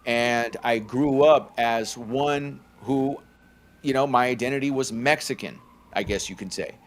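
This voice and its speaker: Unhurried and mid-range, this male voice comes from a Californian in his forties. He co-hosts a podcast centered on faith, speaking in a relaxed, conversational way with many filler words and a habitual "okay?"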